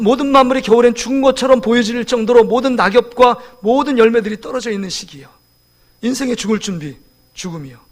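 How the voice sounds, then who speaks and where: A man in his forties preaching a sermon in a church, lively and joking, often asking the congregation questions. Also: high voice. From South Korea. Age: 40s. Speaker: pastor. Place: church sanctuary.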